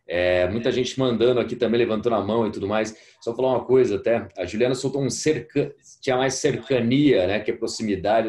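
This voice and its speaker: A man's voice: fairly low pitch, darkish tone. A young adult man with a Brazilian Portuguese accent, hosting a live online masterclass and chatting while reading out audience messages.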